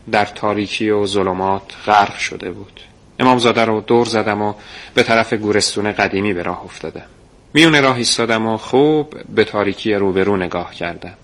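A man narrating a story in a measured, suspenseful way. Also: lowish voice, a bit bright.

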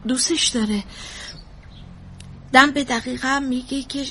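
A woman's voice: high voice, fairly even intonation, pushed and bright, slight background noise. An actress playing a troubled young mother in therapy who is evasive and defensive and sometimes breaks into tears. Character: troubled young mother fleeing her baby. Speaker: therapy client. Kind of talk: drama dialogue.

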